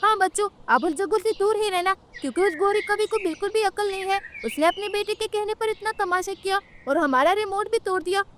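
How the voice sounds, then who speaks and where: A woman's voice: very high voice, brisk, few pauses, a bit bright, slight background noise. A woman voicing a polite, caring mother sparrow in a cartoon story, soothing in manner. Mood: gentle.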